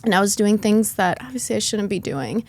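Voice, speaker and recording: A woman's voice: mid-range voice, expressive, brisk. A young adult woman, born in Lithuania and raised in Chicago, telling her personal story as a podcast guest, earnest and chatty with many fillers.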